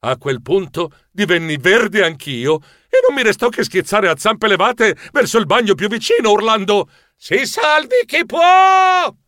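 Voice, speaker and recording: A man narrating a children's story with playful theatricality. His voice sits a bit high and moves expressively, recorded close and dry. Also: expressive, moderate pace, few pauses, fairly bright tone, no room sound. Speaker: audiobook narrator.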